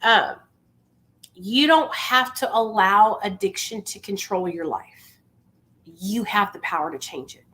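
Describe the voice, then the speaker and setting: A woman's voice: mid-range voice, a little slow, bright, forceful tone. A woman giving impassioned, informal motivational talk to viewers, emphatic and insistent, repeating phrases to drive them home. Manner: informal, familiar address. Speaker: livestream host speaking on addiction recovery.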